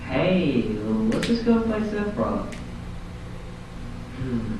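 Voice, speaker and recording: A man playing a deadpan character in an amateur game parody cartoon, with stilted bad acting. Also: high-pitched, slow, heavily acted. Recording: echoey, distant, noisy playback in a room.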